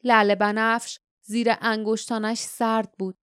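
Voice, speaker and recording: A woman's voice: little pitch movement, fairly bright tone, smooth, dry recording, clean studio sound. A woman narrating an audiobook, reading the dialogue with light character voices. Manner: reads dialogue in light character voices, raising pitch for quotes. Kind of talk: scripted narration.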